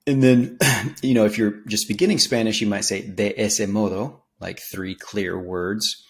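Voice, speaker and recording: A man explaining song lyrics in a casual spoken language lesson, relaxed and rambling with many ums and restarts. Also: fairly low pitch, normal speed, vocal fry. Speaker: language teacher.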